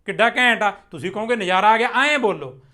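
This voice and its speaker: A young English teacher from Punjab, his voice high and bright, explains a spoken English lesson in Punjabi. Patient and clear, he walks through it step by step. He drops to a slow, deliberate pace whenever he models an English sentence.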